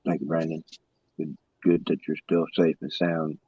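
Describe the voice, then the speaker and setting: A man with a very low voice comes through a muffled, fuzzy, distorted phone connection. The sound is dull and close, with no room around it. He muses bluntly as a call-in guest in a casual chat. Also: level tone, moderate pace, a little mellow, breathy edge, dry recording. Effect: fuzzy distorted muffled call audio. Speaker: panel guest calling in. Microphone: phone resting on a pad.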